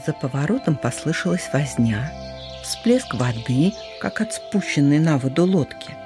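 A storyteller reading a children's animal tale aloud, lively and shifting voices for characters. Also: medium pitch, a little slow, music in the background. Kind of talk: storybook narration.

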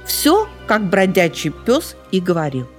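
A woman voicing a nosy, accusing female magpie in a storybook reading, with excitable exclamations. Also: medium pitch, a little slow, faint music behind. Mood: indignant.

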